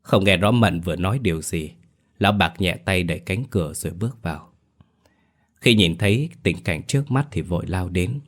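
Deep-voiced male horror storyteller. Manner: measured, steady storytelling. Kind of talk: scripted horror story narration. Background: soft background music.

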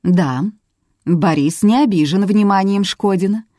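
A woman voicing a middle-aged male lawyer who lists facts calmly and plainly. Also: mid-range voice, unhurried, no echo, clean studio sound, natural voice. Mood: matter-of-fact.

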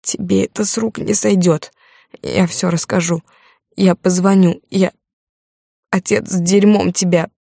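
A woman reading an audiobook, voicing a jealous, hysterical young wife in a raised, shrill voice. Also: steady tone, measured pace, vocal fry, pauses often, warm tone, no room sound, studio quality. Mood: furious.

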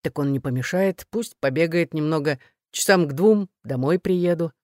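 A woman reading aloud, voicing a grumbling, placating middle-aged husband in a low, coaxing mutter. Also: normal speed, darkish tone, no room sound, studio quality, lightly acted.

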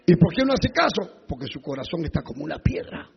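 Brief: male pastor, emphatic sermon delivery, husky gravelly voice, long reverb on a dull lo-fi recording. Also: a little high, very animated, fairly quick. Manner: emphatic, repetitive rhetorical questions.

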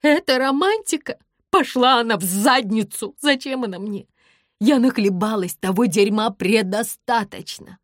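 A woman voicing an emotional young heroine in an audiobook, outspoken and raising her voice high. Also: moderate pace, no echo, clean studio sound, lightly acted. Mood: shouting. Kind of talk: audiobook character voice.

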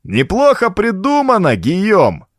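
A man's voice: mid-range voice, big pitch swings, moderate pace, no echo, clean studio sound, natural voice. A man voicing a scornful, cunning male woodsman in an audiobook, with a taunting, contemptuous manner. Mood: mocking. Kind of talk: audiobook character voice.

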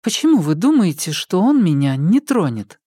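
A man's voice: sits high, big pitch swings, moderate pace, warm tone, husky, no echo, studio quality, pitched above the performer's own voice, exaggerated voice. A man voicing an anxious, impulsive young woman who keeps pleading and asking questions in an audiobook.

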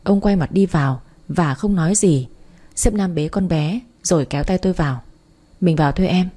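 A woman narrating a first-person story aloud in an even storytelling manner. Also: on the low side, normal speed.

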